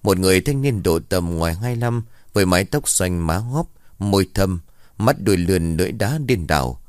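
A man narrating a rural ghost story in a steady, even storytelling manner. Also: deep voice, moderate pace, no echo, clean studio sound.

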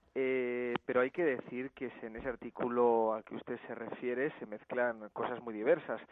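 A man's voice: medium pitch, noisy background. A man speaking as a campaign spokesman in a phone interview, arguing his case firmly. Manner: firm, argumentative. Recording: tinny phone line.

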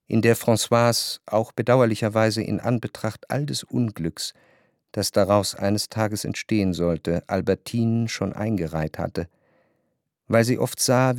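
In a radio drama, an actor plays a reflective, refined gentleman narrator, speaking in a measured, precise and gently ironic way. His voice is fairly low in pitch.

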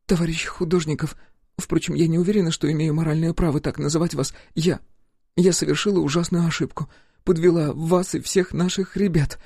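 A man voicing a remorseful, tearful young woman colleague in an audiobook, in a raised, soft and breathy voice. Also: a little high, fairly even intonation, a little fast, no room sound, studio quality, voice pushed up.

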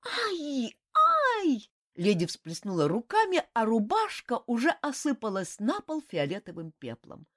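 A woman narrating a fantasy audiobook in an expressive, animated reading. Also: medium pitch, normal speed, hardly any pauses. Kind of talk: scripted narration of a fantasy novel.

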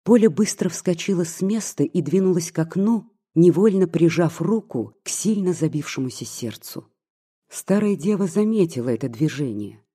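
A reader narrating a classic novel in a measured, steady way. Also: medium pitch, breathy edge. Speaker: audiobook reader. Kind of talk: literary audiobook narration.

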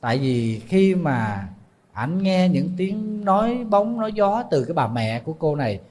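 A man who is a Buddhist monk with a Southern Vietnamese accent, telling a story in a relaxed, conversational sermon and calling himself "thầy". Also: a little high, a little slow. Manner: conversational, refers to himself as "thầy", laughs at his own slips. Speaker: Buddhist monk giving a dharma talk.

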